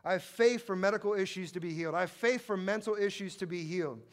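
High-voiced preaching man. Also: quick pace. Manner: builds from quiet to loud emphatic preaching; conversational, with fillers and chuckles. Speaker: pastor. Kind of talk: sermon.

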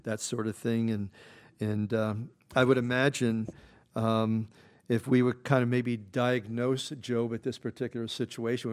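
Gravelly-voiced pastor teaching conversationally. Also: male voice, on the low side, a little mellow. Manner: conversational, many fillers and restarts, rises when reading scripture aloud. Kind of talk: midweek Bible-study sermon. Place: church.

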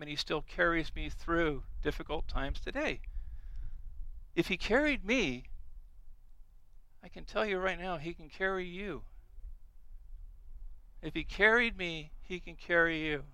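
A middle-aged man delivers a sermon in an earnest, emphatic way, coming back to his key phrases again and again. His voice is bright, smooth and a little higher than most men's. It is recorded close and dry, with no room sound. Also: normal speed, long pauses, no echo, low-quality recording. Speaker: preacher.

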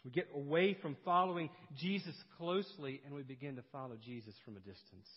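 A man preaching an expository sermon, telling stories and swinging between loud emphasis and hushed, low passages. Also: brisk, husky. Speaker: pastor. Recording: dull sound with long hall reverb.

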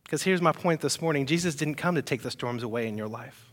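A man preaching a Sunday sermon as pastor, asking the congregation rhetorical questions and swinging between loud emphatic peaks and soft, quiet asides. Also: mid-range voice, lively intonation, quick pace, long reverb tail.

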